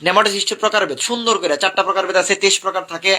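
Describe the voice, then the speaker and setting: Young guy coaching exam kids, super fast, high bright voice, keeps repeating stuff. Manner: rapid, repetitive drilling of topics to students. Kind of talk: live online exam review class.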